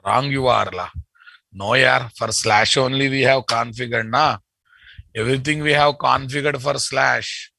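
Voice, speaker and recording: A male coding instructor with a Telugu Indian accent speaks to his students at a measured, slow pace. His voice is sharp and forward with a creaky edge. He restates instructions and keeps tagging questions onto the ends of his sentences. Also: mid-range voice, steady tone, dry recording. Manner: repeats phrases, ends with checking tag questions. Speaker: programming instructor. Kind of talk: live coding lesson, addressing students.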